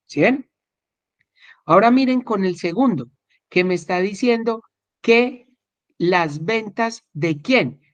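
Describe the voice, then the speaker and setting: A man's voice: high-pitched, no room sound. Man teaching, checking in constantly. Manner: step-by-step explaining, keeps checking in with listeners. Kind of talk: recorded online spreadsheet class. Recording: dull, dry, lo-fi recording.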